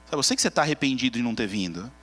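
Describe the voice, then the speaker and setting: A man playing a bustling, self-assured woman who solves every problem herself, speaking in a brisk, complacent tone. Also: medium pitch, animated, bright, forceful tone. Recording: long church reverb.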